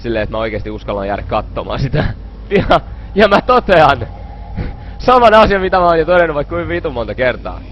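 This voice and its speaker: A man's voice: on the high side, sing-song, a bit bright, highs cut off, slight background noise. A young man playing a horror game, narrating his let's play after drinking beer, swearing a lot and screaming in panic when frightened. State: tipsy from beer. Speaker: gaming video host.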